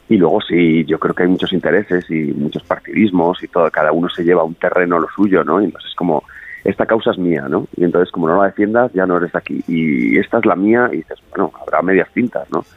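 A man's voice: sits low, fairly even intonation, brisk, dry recording. A man guest on a radio interview, chatting at length and rambling with many fillers. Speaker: actor guest. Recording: tinny phone-like line, dry.

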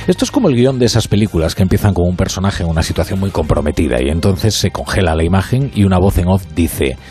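A Spanish radio host delivers a measured, ironic opinion monologue in the studio over faint background music. His voice is fairly low and mellow.

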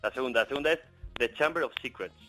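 A man's voice: medium pitch, fast, sharp tone, soft background music, rough recording. A man calling in to a Spanish radio show, insistent and confident in his answers. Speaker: caller. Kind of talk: phone-in contest answers.

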